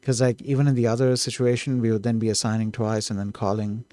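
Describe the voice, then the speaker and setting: A man streaming himself coding, thinking aloud, who gets excited and keeps correcting himself mid-thought. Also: mid-range voice, quick pace, no echo. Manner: excitable, self-correcting, trails off and restarts.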